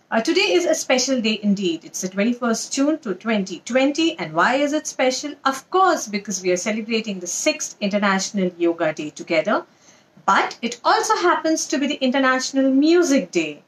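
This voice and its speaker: A woman with an Indian accent speaks as a doctor giving an informal educational talk, addressing listeners directly and stressing items in lists. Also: on the high side.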